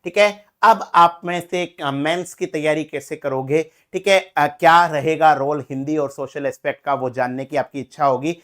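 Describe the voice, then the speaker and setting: A man's voice: a little high, fairly even intonation, normal speed, few pauses, fairly bright tone. A young man, giving a casual exam-analysis lesson as a coaching teacher. He talks in a chatty, conversational way and keeps saying "theek hai".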